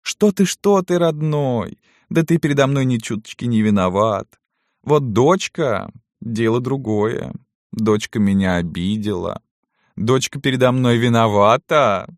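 A man's voice: mid-range voice, animated, unhurried, no echo, clean studio sound, pitched above the performer's own voice. A man voicing a cruel, mocking middle-aged noblewoman landowner who taunts her serfs in a sneering sing-song.

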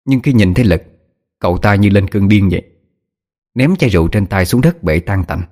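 A man narrating a horror story in a steady, measured storytelling voice. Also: lowish voice. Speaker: audiobook narrator.

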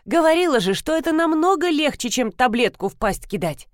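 A woman voicing a bustling, cheerful older mother-in-law in an audiobook, her voice jumping high when excited. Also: brisk, no echo, clean studio sound.

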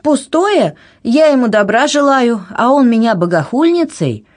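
A woman voicing a proud, hot-tempered young princess who shouts indignantly. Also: sing-song, moderate pace. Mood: furious. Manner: shrill, indignant outbursts.

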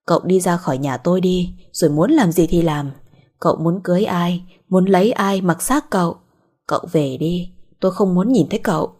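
A woman's voice: fairly low pitch, moderate pace, darkish tone, husky. A woman voicing a bitter middle-aged mother who talks coldly and reproachfully. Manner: cold, reproachful.

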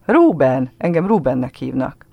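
A woman voicing a shy, warm village boy of about ten who talks in earnest rural dialect. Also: very deep voice, sing-song, gravelly, slightly rough, no room sound, highs cut off, heavily acted.

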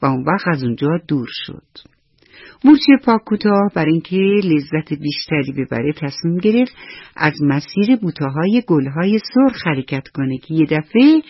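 A woman's voice: low-pitched, slightly rough, dry recording. A woman telling a bedtime story to children on the radio, tenderly addressing her little listeners. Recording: dull lo-fi radio with soft music.

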